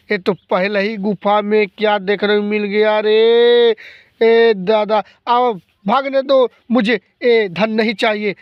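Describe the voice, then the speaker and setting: A man's voice: sits high, clean tone, no echo, dull audio. A man voicing a greedy, cowardly villager who wails in panic as he flees. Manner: panicked wailing. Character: greedy cowardly male villager fleeing ghosts.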